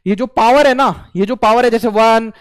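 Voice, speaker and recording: A man's voice: very high voice, normal speed, smooth, no echo. A young man teaching a physics lesson for exam prep in a playful, slangy way, often acting out his students' replies.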